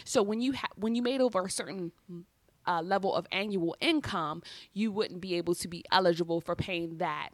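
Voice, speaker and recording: A young woman co-hosting a podcast, telling a personal story in a casual, expressive way with frequent laughter. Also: lowish voice, a little fast, dry recording. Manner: animated, expressive, laughs often. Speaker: podcast co-host.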